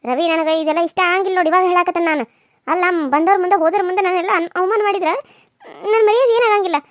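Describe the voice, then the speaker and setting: Woman doing a sharp-tongued village woman, scolding, North Karnataka accent, high voice, dry. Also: rapid-fire, no echo. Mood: indignant. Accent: North Karnataka Kannada. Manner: scolding, mocking.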